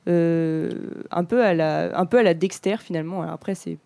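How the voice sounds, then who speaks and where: Hesitant young French-speaking woman, mellow and dry. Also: fairly low pitch, moderate pace, vocal fry, no echo. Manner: hesitant, many fillers and restarts. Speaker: podcast co-host. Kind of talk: casual film-review chat.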